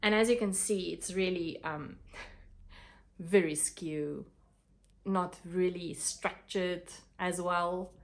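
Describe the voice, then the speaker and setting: A South African woman vlogging about crafts, whose first language is Afrikaans, speaks casually to camera about her projects. Her delivery is full of pauses and fillers, and her voice is lowish.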